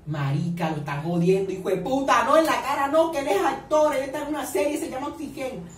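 A man with a Colombian Caribbean coast accent reacting excitedly to a series, swearing often and breaking into shrieks and squeals. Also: very high-pitched, a little fast. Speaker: reaction vlogger. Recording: echoey room, distant mic, faint noise.

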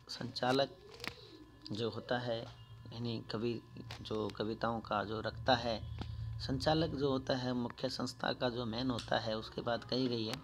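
A male teacher giving a patient school lesson, explaining each word one at a time and reading the verses slowly and more loudly. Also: mid-range voice, gravelly, a little hiss or hum. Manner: reads verses slowly and louder.

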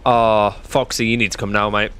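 A man's voice: on the low side, level tone, normal speed, fairly bright tone, clean tone. A young man commentating on a horror game, sarcastically chatting to the enemies as he plays. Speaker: gameplay streamer.

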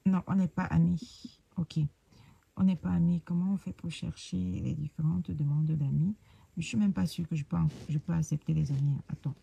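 A woman hosting a casual live stream, talking hesitantly and filling pauses with "euh" while she searches on her phone. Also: low voice, fairly even intonation, gravelly, dark tone, breathy edge, dry recording.

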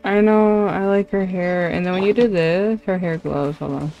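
A woman livestreamer with a fairly low, dark-toned voice chats casually at a moderate pace while playing, rambling and thinking out loud. Video game music sits behind her voice, and the audio sounds dull.

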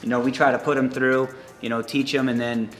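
A man's voice: mid-range voice, flat delivery, fairly bright tone, soft background music. A man, a college wrestling coach, giving a casual tour of his facility and filling his talk with "you know" and "um". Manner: rambling, fills every pause with "you know" and "um".

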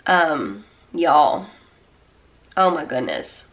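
Recorded lo-fi on a camera or phone at arm's length, a woman vlogs casually from a small room at home in a low, very animated voice at a very slow pace. She sounds congested and rambles, with lots of fillers and restarts.

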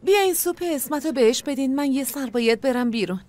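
A woman's voice: high voice, expressive, slight background noise. An actress dubbing a caring young woman who looks after her younger siblings. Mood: gentle. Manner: gentle, caring. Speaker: older sister caring for siblings. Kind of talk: Persian TV drama dubbing.

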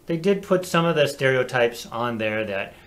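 A man co-hosting a casual talk show, animated and chatty, laughing easily. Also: mid-range voice, moderate pace. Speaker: co-host. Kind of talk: casual chat.

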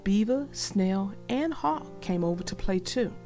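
A woman reading a children's storybook aloud, gentle and expressive. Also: medium pitch, a little slow, soft background music.

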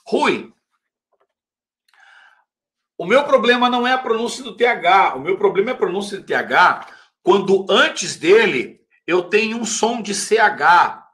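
Male English teacher with a Brazilian Portuguese accent, fairly high-pitched, casual and chatty in a live Q&A, slows right down for English examples. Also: a bit bright. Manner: casual, chatty, reads viewer questions aloud; says English example phrases slowly and carefully. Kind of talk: live-stream Q&A lesson.

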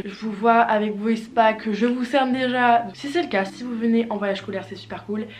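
A teenage girl from France talking casually to camera at home, chatty and slangy with playful asides. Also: medium pitch. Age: teens. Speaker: YouTuber. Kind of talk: casual vlog talk to camera. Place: home, in front of a fireplace.

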